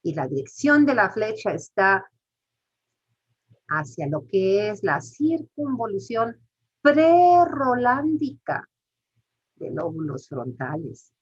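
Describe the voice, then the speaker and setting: Husky, low-pitched woman lecturing; she explains step by step and quizzes the class. Dull recording. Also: big pitch swings, takes it slowly, pauses often. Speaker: teacher. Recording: muffled lo-fi recording.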